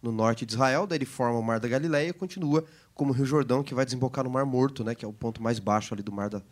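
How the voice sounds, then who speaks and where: Rapid-fire and mid-range in pitch, a man with a Brazilian Portuguese accent talks through scripture as a pastor co-hosting a Bible lesson program. His manner is teacherly, and the setting is a Bible study discussion.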